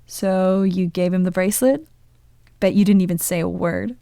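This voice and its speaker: Excited, teasing young woman friend done by a female reader; lifted, smooth. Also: lowish voice, normal speed, no echo, studio quality. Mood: eager teasing.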